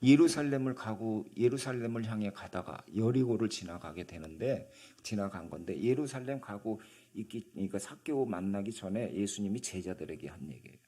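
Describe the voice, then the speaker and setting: A man's voice: fairly low pitch, expressive, brisk, hardly any pauses, mellow, husky. A male pastor preaching a sermon in a church, in a conversational way, often asking the congregation questions.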